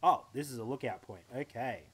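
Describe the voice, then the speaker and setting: Talking fairly quickly in a mid-range voice that is a bit bright and slightly rough, a young Aussie provides live commentary on his gameplay from home. He chats to himself in a playful way.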